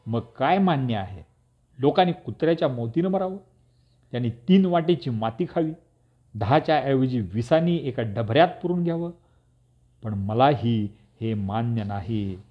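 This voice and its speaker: A man's voice: mid-range voice, lively intonation, normal speed, muffled recording, close to an everyday voice. A man doing a fiery defiant village headman. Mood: shouting. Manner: loud, forceful, indignant outbursts.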